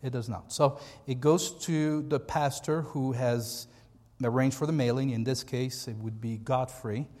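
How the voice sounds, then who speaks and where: A male American pastor speaks informally to a group. His pitch is average, and he repeats phrases for emphasis in a conversational way. The hall adds long reverb around his voice. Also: steady tone, a little slow, a little mellow. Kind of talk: informal church training talk.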